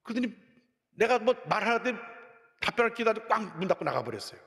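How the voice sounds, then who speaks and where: Animated male pastor preaching in an echoing hall. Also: high-pitched, fast, creaky. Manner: animated storytelling with swings between loud outbursts and hushed asides. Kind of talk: sermon.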